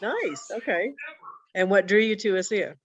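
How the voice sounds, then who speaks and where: A woman's voice: medium pitch, expressive, normal speed, husky, no echo. A woman hosting a team video call, welcoming newcomers in an affirming way. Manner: warm, encouraging and affirming. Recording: dull video call audio.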